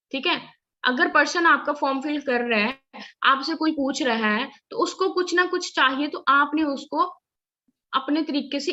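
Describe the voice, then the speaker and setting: A woman with a high, bright voice leads a training session, explaining step by step. She keeps checking that listeners are following. The audio is a little dull and lo-fi. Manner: instructive, often checks "ठीक है?" and "clear है?". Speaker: network marketing trainer.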